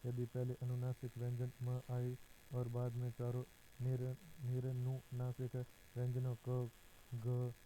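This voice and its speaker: A man teaching an exam-prep grammar lesson, working through examples slowly and methodically, often pausing on a drawn-out "a". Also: medium pitch, monotone, dark tone, a little hiss or hum, low-quality recording. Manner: slow, methodical, fills pauses with drawn-out "a".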